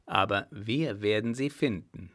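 A man reading an audiobook, voicing a blunt, commanding old field marshal who speaks loudly and curtly. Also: fairly low pitch, a little slow. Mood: scornful. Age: older. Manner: loud, curt, scornful.

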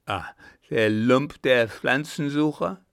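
Brief: male reader as a boozy brawling clown, gravelly and loud, slow menacing delivery. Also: mid-range voice. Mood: drunk, furious. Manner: loud, growling threats. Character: drunken jealous male clown, coarse and threatening. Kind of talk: audiobook character voice.

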